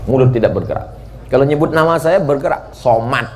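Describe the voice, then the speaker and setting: A man preaching a dawn sermon in a mosque, lively and joking, who bursts into shouts and draws out chanted Arabic phrases. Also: medium pitch, slight background noise. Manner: animated, jumps to shouting, playful jokes, drawn-out chanted Arabic.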